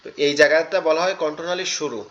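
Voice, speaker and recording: A man's voice: fairly high pitch, steady tone, quick pace, a bit bright, muffled recording. A man teaching Quran recitation in an online class, patiently repeating each letter sound and explaining where it is formed. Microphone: online class audio.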